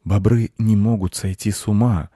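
Man doing a sly, smooth-talking cat. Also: lowish voice, fairly even intonation, moderate pace, no room sound, clean studio sound. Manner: soft, ingratiating, know-it-all.

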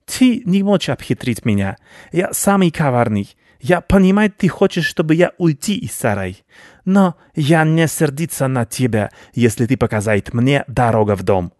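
A man's voice: medium pitch, animated, moderate pace, darkish tone, no room sound, studio quality, voice pushed up, close to an everyday voice. A man voicing a pompous, vicious male rat baron who talks in broken grammar, for a storybook reading. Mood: haughty. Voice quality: broken grammar, haughty and blustering.

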